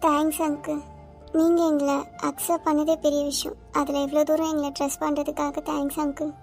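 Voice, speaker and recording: A woman voicing a tearful, clingy teenage schoolgirl in love, in an animated web series. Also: high-pitched, a little fast, faint music behind, natural voice. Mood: sad. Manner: weepy, pleading.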